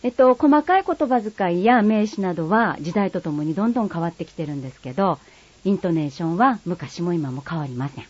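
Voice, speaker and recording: A woman from Kagoshima giving a scripted mini-lesson on her home dialect, explaining in a playful, clear way. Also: fairly low pitch, lively intonation, brisk, no room sound. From Kagoshima, Japan. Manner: explanatory and playful, drawing out quiz words. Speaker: dialect teacher. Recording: slightly muffled dry recording.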